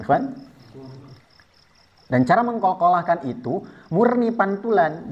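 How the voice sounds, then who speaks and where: A man teaching Quran recitation rules, patiently explaining each step and modelling sounds for students to repeat. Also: medium pitch. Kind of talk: tajwid lesson with spoken demonstrations. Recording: dull lo-fi sound.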